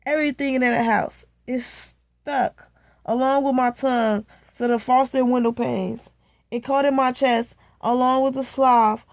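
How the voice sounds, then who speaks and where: A woman reading a novel aloud in a slow, measured way, stopping now and then to chat casually. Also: high voice, steady tone, no room sound. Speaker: reader.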